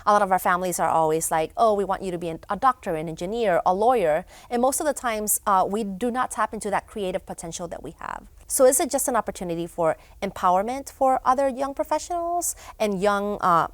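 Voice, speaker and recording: A woman's voice: medium pitch, expressive, a little fast, hardly any pauses, no echo. A young woman from Honduras, a guest in a studio interview, talking casually with many fillers and restarts. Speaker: guest, event founder.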